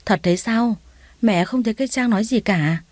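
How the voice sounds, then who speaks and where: A woman's voice: a little high, moderate pace, darkish tone, no echo, close to an everyday voice. Woman voicing a doting older mother-in-law. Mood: bewildered.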